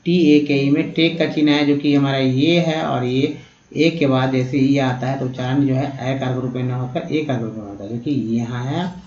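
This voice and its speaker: A man teaches beginners in a patient, step-by-step way, talking to his listeners as friends. His voice sits at an ordinary middle pitch. The recording is roomy and a little dull. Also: fairly even intonation, normal speed, darkish tone, slight background noise. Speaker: English teacher. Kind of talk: explaining English pronunciation to beginners.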